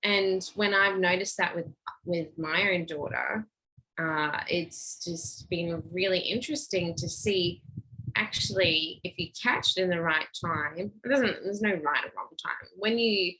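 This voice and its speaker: A woman's voice: fairly low pitch, measured pace, bright, forceful tone, low-quality recording. A middle-aged woman giving a casual teaching talk on parenting, chatting freely and acting out little dialogues in a lifted voice. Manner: conversational, acts out quoted dialogue in a lifted voice. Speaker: parenting and emotional intelligence speaker.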